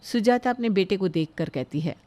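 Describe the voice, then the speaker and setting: A woman narrating a moral story in a steady, scripted storytelling manner. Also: medium pitch, normal speed, dry recording.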